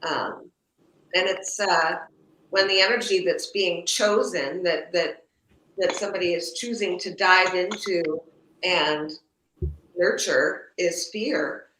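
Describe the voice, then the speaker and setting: A woman with a slight lisp, like someone wearing a retainer, talks reflectively and haltingly, searching for her words in an unscripted discussion. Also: fairly low pitch, sharp tone, slight background noise. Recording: echoey, roomy sound.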